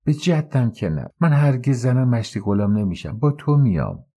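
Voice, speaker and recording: A man's voice: medium pitch, sing-song, warm tone, breathy edge, voice pushed up. A male narrator voicing a cheerful, teasing young village woman who chatters and pleads, in an audiobook reading. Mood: pleading.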